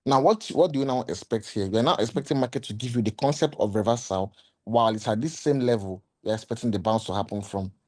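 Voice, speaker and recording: A man with a slightly hoarse voice explaining trading charts in a lesson, walking through the steps and repeating key points with rhetorical questions. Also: mid-range voice, fast, darkish tone. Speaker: trading mentor. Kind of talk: screen-share trading lesson.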